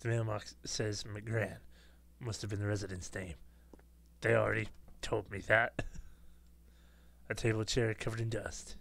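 A man's voice: lowish voice, flat delivery, unhurried, creaky, long pauses, fairly bright tone. Gamer, man: casual playthrough commentary, reads game text aloud, easygoing.

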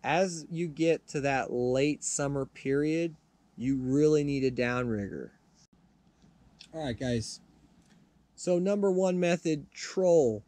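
Slow, rambling Californian fishing host man. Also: fairly high pitch. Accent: Californian English. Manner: relaxed, rambling, many fillers and restarts. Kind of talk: casual spoken fishing tips.

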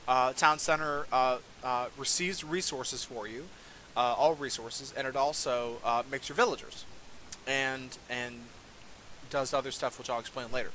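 A man's voice: mid-range voice, fairly even intonation, a little slow, pushed and bright, slight background noise. A young man giving a casual, rambling walkthrough of a strategy game, full of fillers and self-deprecating asides. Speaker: game tutorial presenter. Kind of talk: casual gameplay commentary.

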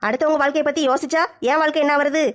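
A woman's voice: high-pitched, fairly even intonation, racing. A woman acting a village comedy sketch in a brash, mocking way. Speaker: comic sketch performer.

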